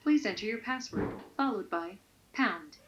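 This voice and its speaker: A woman's recorded voicemail prompts, heard through a landline phone speaker and read out in an even, measured way. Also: mid-range voice, slight background noise. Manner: even, measured menu announcements. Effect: heard over a landline phone speaker. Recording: muffled lo-fi phone audio.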